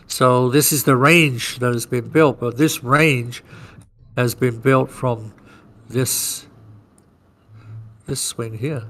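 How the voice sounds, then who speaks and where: Speaking slowly with frequent pauses, a medium-pitched male host of a trading podcast chats about chart moves, often adding "right?" and dramatizing market scenarios like an animated storyteller. A little hiss or hum can be heard.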